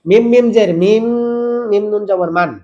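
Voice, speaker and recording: A man teaching Quran recitation rules, spelling out each letter and vowel mark and then drawing the words out slowly in a chanted style, asking the listener to repeat. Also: sits high, fairly even intonation, darkish tone, muffled recording. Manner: asks the listener to repeat after him. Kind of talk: step-by-step tajweed lesson.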